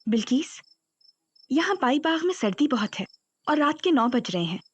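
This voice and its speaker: An actress playing a proud young granddaughter who gives curt commands. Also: female voice, high-pitched, sing-song, normal speed, no echo, muffled recording. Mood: irritated. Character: proud, bossy young woman, chieftain's granddaughter.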